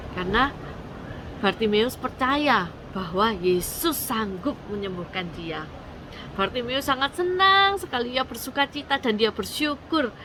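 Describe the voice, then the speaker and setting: A young woman telling a Bible story to children in a lively, coaxing way, as a children's church storyteller. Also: fairly high pitch, a little hiss or hum.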